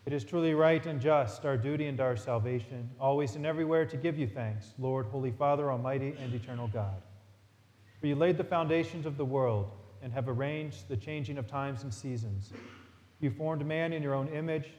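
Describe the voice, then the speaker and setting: A male priest recites the prayers of the Mass in a solemn, measured intonation. His mid-pitched voice rings out with a long cathedral echo that hangs in the air of a large church. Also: darkish tone. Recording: long reverberant church hall.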